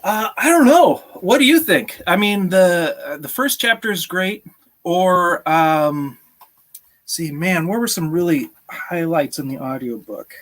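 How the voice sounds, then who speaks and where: A man in his thirties, hosting a relaxed live stream on a video call, chats with viewers and chuckles frequently. He's in a small room at home with a sloped ceiling, and his high-pitched, fairly bright voice moves a little slowly with lively intonation.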